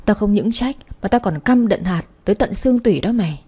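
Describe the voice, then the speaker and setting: A woman voicing a furious young mother who curses and shouts to get her baby back. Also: medium pitch, expressive, fairly quick, slightly rough. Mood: bitter. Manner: shouting, cursing.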